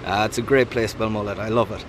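A man's voice: fairly low pitch, fairly even intonation, fast. A man with a Mayo Irish accent giving short, plain answers in an interview. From County Mayo, Ireland. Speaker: actor and presenter. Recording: faint outdoor background noise.

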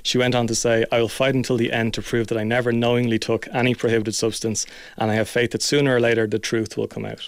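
A man's voice: mid-range voice, flat delivery, fast talker, no echo. A man reporting tennis news as a sports correspondent on radio.

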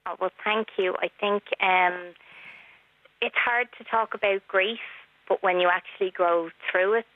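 A middle-aged woman calling into a radio show over a cordless landline phone, speaking softly and in a measured way. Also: mid-range voice, fairly even intonation, no room sound. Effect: landline phone line. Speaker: caller. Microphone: cordless house phone. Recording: tinny landline phone line.

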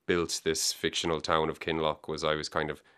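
A man's voice: very deep voice, monotone, brisk, fairly bright tone, smooth. An Irish man in casual interview talk, rambling a little and repeating words with plenty of fillers. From Ireland. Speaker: debut novelist guest.

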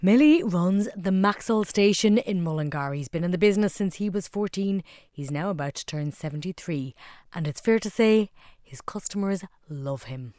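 A woman's voice: fairly low pitch, expressive, moderate pace, dark tone, no room sound, studio quality. An Irish woman presenting on radio, reading scripted links in a wry way. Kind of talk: scripted narration.

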